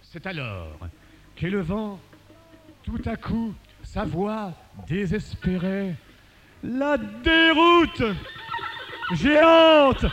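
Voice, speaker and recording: A man giving a dramatic verse recitation, swinging from hushed murmurs to shouted cries and mimicking drums and fanfares with his voice. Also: high voice, big pitch swings, slow pace. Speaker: poetry reciter. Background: loud music.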